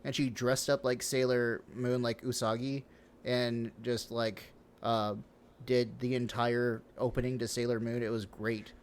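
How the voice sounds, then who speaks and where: A young man in casual podcast banter, his voice sitting at an ordinary middle pitch. He rambles through stories with plenty of fillers, asides and offhand swearing. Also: level tone, measured pace. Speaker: podcast co-host.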